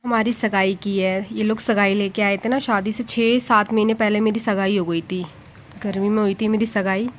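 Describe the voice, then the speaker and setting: A chatty woman in her thirties talks through her old wedding photos in a homely, amused way. Her voice sits at an ordinary middle pitch. A faint hum of background noise runs under the talk. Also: fairly even intonation, moderate pace. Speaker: vlogger. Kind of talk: casual chat narrating wedding photos.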